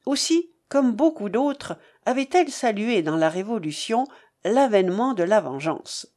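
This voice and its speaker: Slow, expressive woman narrator. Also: mid-range voice. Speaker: audiobook reader. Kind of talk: scripted narration of a classic novel.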